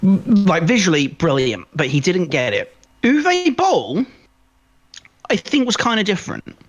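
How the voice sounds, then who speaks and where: In lo-fi sound, a man with a high voice and big pitch swings talks unhurriedly as a podcast co-host. His casual film discussion is emphatic and opinionated, with phrases repeated for emphasis.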